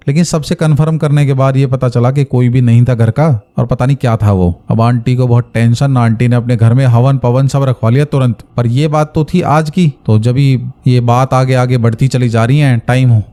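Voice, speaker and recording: Mellow-voiced male ghost storyteller. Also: mid-range voice, fairly even intonation, normal speed, hardly any pauses. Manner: chatty, conversational, addresses listeners directly. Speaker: horror storyteller. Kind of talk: spoken ghost story narration.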